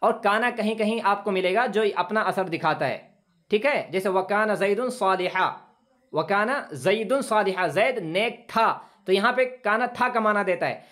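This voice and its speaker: A man teaching an English grammar lesson, patiently repeating phrases slowly for his students. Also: sits high, a bit bright. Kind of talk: classroom lesson explaining grammar.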